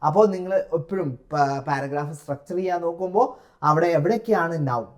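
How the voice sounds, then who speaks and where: A man with a Malayali accent, coaching students through an English exam task. He explains each step in a steady classroom style, then slows right down to read example sentences aloud, leaning on the key words. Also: on the high side, highs cut off.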